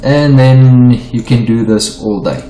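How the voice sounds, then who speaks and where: A middle-aged South African forex teacher, a native Afrikaans speaker, explains trading charts in an unedited screen-share lesson, stumbling and repeating himself. He speaks a little slowly in a warm, mid-range voice. The recording is rough and roomy, with a little hiss or hum.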